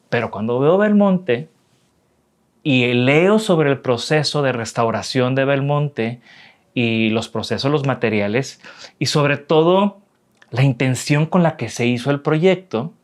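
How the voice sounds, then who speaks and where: A man hosting a podcast interview, talking in a relaxed, rambling way and often tagging his sentences with a question. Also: a little high, measured pace. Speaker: podcast host. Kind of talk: casual interview conversation.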